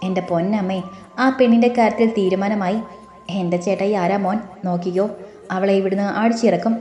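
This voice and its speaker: A woman voicing an eager young woman, naive but sharp-tongued when crossed, in an audio story. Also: medium pitch, fairly even intonation, fairly quick, lightly acted. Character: young woman, lively, naive, quick to bristle. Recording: roomy with faint music.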